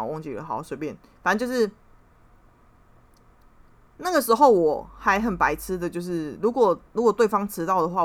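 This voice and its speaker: A young woman hosts a podcast and reads tarot. She tells a story in a rambling, heated way and swears when worked up. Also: on the low side. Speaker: podcast host and tarot reader. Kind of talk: casual storytelling monologue.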